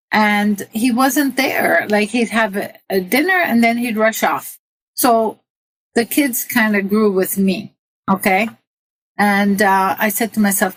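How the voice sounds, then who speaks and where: A woman's voice: medium pitch, rough recording. An older woman from Italy, a guest in an interview, talking earnestly about her own life and giving advice, laughing at herself now and then. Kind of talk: personal interview.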